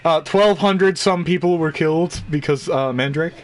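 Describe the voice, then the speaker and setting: A man's voice: a little high, normal speed, a little hiss or hum. A man running a tabletop game as game master, chatty and often restarting his sentences. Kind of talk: casual tabletop game narration.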